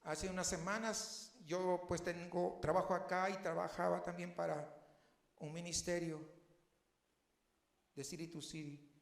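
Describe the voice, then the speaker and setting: A man's voice: high voice, flat delivery, a little slow, gravelly, long pauses, reverberant. A man preaching a heartfelt, personal sermon that builds to emphatic questions. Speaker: pastor.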